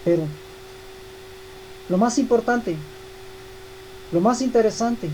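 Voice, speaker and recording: A woman's voice: fairly high pitch, takes it slowly, darkish tone, slight background noise, low-quality recording. A woman giving a devotional Bible teaching, speaking emphatically and repeating key phrases.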